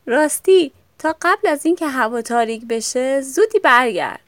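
Woman doing a gentle, kind mother. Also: high-pitched, expressive, dry recording, voice pushed up. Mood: calling out. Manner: soft, tender.

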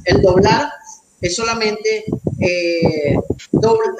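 A man's voice: high voice, big pitch swings, extremely slow. A man with a Venezuelan accent, a guest in a casual interview, speaking in hesitant, repeated phrases. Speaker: guest, celebrity impersonator. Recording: echoey room with loud background noise.

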